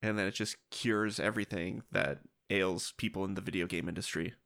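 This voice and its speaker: A man co-hosting a casual podcast while sick, hoarse as if he has a frog in his throat. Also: deep voice, steady tone, fairly quick, a bit bright. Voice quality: gravelly, croaky. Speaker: podcast co-host.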